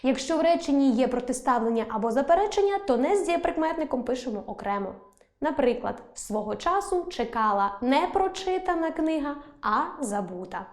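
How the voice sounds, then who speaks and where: Woman teacher with a higher voice, careful scripted delivery, slows down on example words, roomy echo. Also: a little mellow. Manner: clear, slow dictation of example words. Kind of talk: scripted online lesson. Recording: echoey room.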